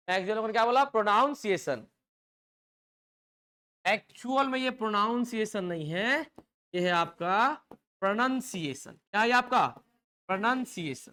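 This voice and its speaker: A male teacher with a Chhattisgarh Hindi accent leads a live online English class, drilling pronunciation and repeatedly asking students to answer and repeat after him. His high voice sounds fairly bright and clean.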